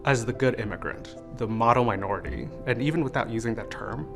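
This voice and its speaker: An American man at a mid pitch gives thoughtful interview answers and tells his stories with animation. Music plays clearly behind him. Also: fairly quick. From United States. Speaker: interview guest.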